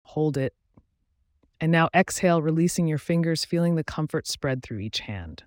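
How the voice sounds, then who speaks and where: A man guiding a relaxation meditation in a calm, soothing, measured way, giving instructions with pauses. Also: fairly high pitch, dry recording, clean studio sound. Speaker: meditation guide. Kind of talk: guided relaxation meditation narration.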